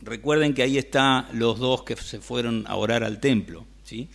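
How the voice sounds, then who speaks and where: A man's voice: medium pitch, moderate pace, vocal fry, a bit bright. A man with a Rioplatense Spanish accent preaching a sermon in a church, talking conversationally and asking the congregation questions.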